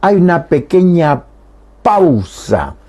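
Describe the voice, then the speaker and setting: A man's voice: on the high side, big pitch swings, mellow. A man teaching a Guarani language lesson on the radio, explaining patiently and sounding out each vowel. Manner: slow, patient explanations, demonstrating sounds aloud. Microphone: radio studio microphone.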